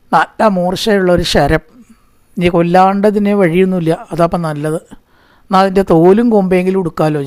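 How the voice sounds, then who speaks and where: A man giving a scripture discourse who chants verses slowly, then explains them in quick conversational talk and asks himself rhetorical questions. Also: sits high, darkish tone, clean tone, no room sound. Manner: asks and answers his own rhetorical questions. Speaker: religious storyteller.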